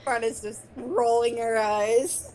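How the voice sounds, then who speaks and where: Woman player, slow casual talk, high voice, faint background noise. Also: fairly even intonation, darkish tone, rough recording. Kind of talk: casual tabletop game talk.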